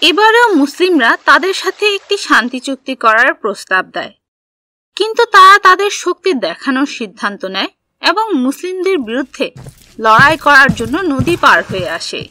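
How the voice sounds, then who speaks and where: A woman tells children a scripted history tale in simple, deliberate phrasing, her high voice sing-song, pushed and bright.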